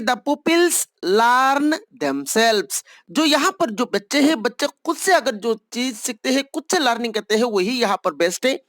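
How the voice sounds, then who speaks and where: Woman tutor doing exam prep, goes over every option again and again, pretty high voice, dry sound. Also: fairly bright tone, no room sound. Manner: repetitive, patient walk-through of answer options; reads English questions slowly, then explains them. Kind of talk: explanatory exam-prep lecture.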